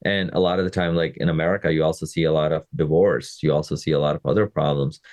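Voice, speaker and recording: A fitness coach from Pakistan in his thirties delivers a casual motivational podcast monologue quickly, in a steady, deep, darkish low voice, regularly checking in with his audience. The close, dry recording has no echo or room sound.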